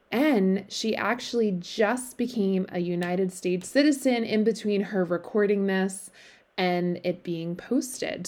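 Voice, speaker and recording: A woman's voice: medium pitch, darkish tone. A woman introducing a guest on her podcast in a friendly, conversational way. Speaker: podcast host.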